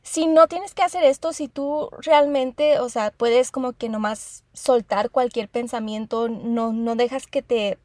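A woman giving a reflective self-help talk, gently repeating her points and checking in with listeners. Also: on the high side, fairly even intonation, measured pace, few pauses, no room sound.

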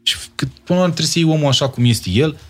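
A man's voice: on the high side, faint music behind. A young man with a Moldavian Romanian accent, speaking as an interview guest in casual talk and stressing his points by repeating words.

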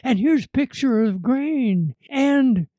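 A man voicing a frantic, gold-crazed male prospector who exclaims in excited bursts. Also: very high voice, slow pace, no echo, pitched above the performer's own voice, heavily acted.

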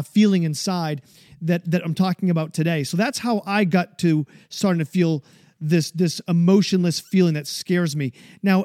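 A man's voice: high-pitched, mellow, no room sound, clean studio sound. A man in his forties telling his own story in a personal monologue, earnest and often searching for the right words. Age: 40s. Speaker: speaker sharing his mental health story.

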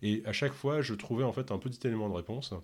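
A man from Ontario who speaks French with no accent, answering interview questions in a halting way with many fillers. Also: on the low side, a little mellow. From Canada, Ontario. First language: English. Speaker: podcast host and health coach.

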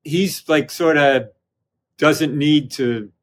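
Slow, halting man. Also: on the high side. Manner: halting, restarts often. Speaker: interview guest. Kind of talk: casual conversation.

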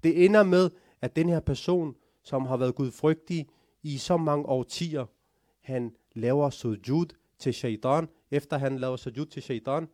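Animated male sermon storyteller. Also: on the high side, dry recording, studio quality. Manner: animated storytelling, rising emphasis. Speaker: religious lecturer.

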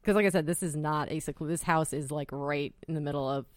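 A young woman with a low voice, co-hosting a podcast in easy conversation. She comes across skeptical, wry and blunt, and she swears casually. The sound is dry and close. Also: quick pace, no room sound. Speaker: podcast co-host. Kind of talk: casual chat.

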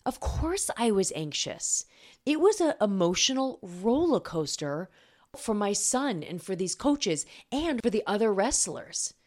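A woman's voice: medium pitch, very animated, unhurried, a little mellow. A middle-aged woman hosting a podcast as a weight-loss coach, telling a personal story in an earnest solo monologue.

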